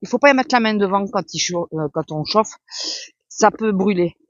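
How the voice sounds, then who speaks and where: A woman's voice: mid-range voice, expressive, moderate pace, no echo. A woman vlogger rambling casually and explaining crafts, with many fillers and restarts. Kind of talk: casual chat. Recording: dull lo-fi sound.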